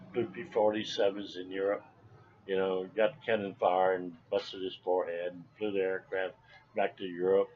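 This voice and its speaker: An old male veteran of seventy looks back on his past in a casual interview. He talks in a halting, wandering way. The recording is dull and lo-fi, with faint noise behind him. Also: fairly low pitch. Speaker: Vietnam veteran being interviewed. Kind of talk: informal interview, personal recollection. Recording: dull lo-fi sound, background noise.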